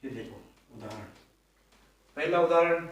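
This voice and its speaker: A man's voice: a little high, lively intonation, measured pace, dull audio. A male teacher giving a grammar lesson, repeating points and quizzing the class with questions. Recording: echoey room, mic far off.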